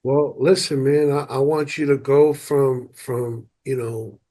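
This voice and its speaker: A man's voice: mid-range voice, level tone, slow pace, mellow. A man hosting a podcast interview, hyped and slangy, often repeating words as he gets a sentence started. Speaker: podcast host. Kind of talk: casual interview chat.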